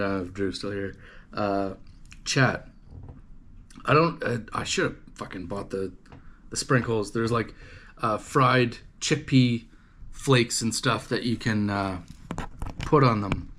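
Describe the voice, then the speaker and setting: A man from Canada casually chatting to his livestream viewers, rambling and swearing, with lots of fillers and restarts. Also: fairly low pitch. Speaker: livestream host. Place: home livestream setup.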